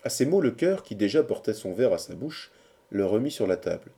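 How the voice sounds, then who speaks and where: A man narrating a novel aloud in an expressive, measured storytelling manner. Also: fairly low pitch, creaky, breathy edge. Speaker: audiobook narrator. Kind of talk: scripted narration.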